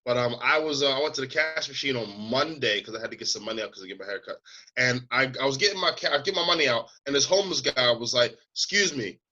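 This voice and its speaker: A young man, co-hosting a podcast in casual chat, animated and quick to laugh while telling stories. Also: medium pitch, muffled recording. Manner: animated, laughs often, acts out voices in anecdotes. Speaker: podcast co-host.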